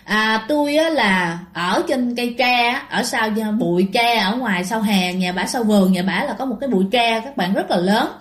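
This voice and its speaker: A woman's voice: fairly high pitch, moderate pace, few pauses, natural voice. A woman voicing a frightened demon possessing a woman, with sulky, stubborn refusals. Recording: echoey room.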